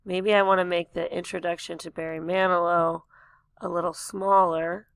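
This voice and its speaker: Woman teacher explaining editing steps, voice going, kinda gravelly, dry sound. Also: on the low side, flat delivery, normal speed, no room sound. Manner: plain step-by-step instructions, coughs and throat clearing. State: losing her voice. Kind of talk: screen-recorded software tutorial.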